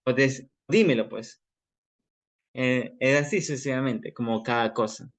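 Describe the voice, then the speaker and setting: A man's voice: mid-range voice, fairly even intonation, normal speed, a bit bright. A man with an Ecuadorian accent giving a class presentation, explaining informally with everyday examples. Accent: Ecuadorian Spanish.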